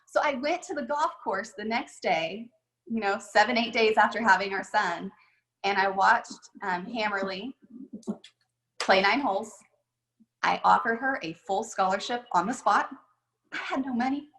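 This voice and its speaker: Speaking at a normal pace in a medium, slightly bright voice, a woman head golf coach chats through stories loaded with fillers. It's a casual video call recorded in an echoey room.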